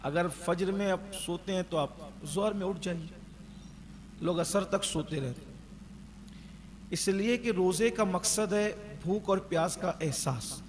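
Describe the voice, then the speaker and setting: A man delivers a sermon, his voice pitched high. He exhorts his listeners and asks rhetorical questions. The sound rings with long reverb, as in a large hall. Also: background noise. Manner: exhorting, rhetorical questions, chants the creed slowly. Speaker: preacher. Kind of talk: Ramadan sermon.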